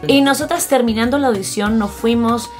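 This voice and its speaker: Young woman, storytime chat, animated delivery, acts out voices, music underneath. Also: a little high, brisk. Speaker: vlog co-host.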